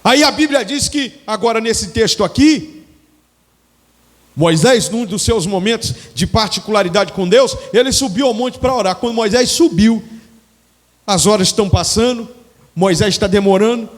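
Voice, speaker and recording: A man with a Brazilian Portuguese accent preaching a sermon, animated and acting out biblical dialogue. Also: high-pitched, normal speed, long reverb tail.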